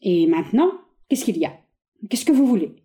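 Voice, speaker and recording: A woman reading a stage play aloud, voicing a haughty, exasperated middle-aged gentleman with sharp, condescending exclamations. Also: a little high, big pitch swings, a little fast.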